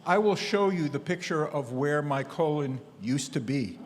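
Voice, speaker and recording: Quiet matter-of-fact guy in the crowd, distant, echoey, faint hum. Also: on the high side, expressive, normal speed. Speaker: audience member. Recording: distant mic in a reverberant hall.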